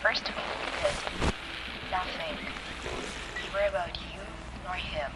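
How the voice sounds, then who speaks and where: A hushed, breathy radio deputy. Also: female voice, fairly low pitch, takes it slowly, heavy background noise. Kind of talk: video game dialogue.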